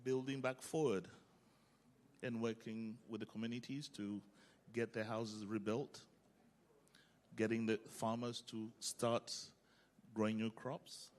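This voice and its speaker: A man in the audience answering a question briefly and calmly at an event. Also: on the low side, a little slow, long pauses. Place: event hall.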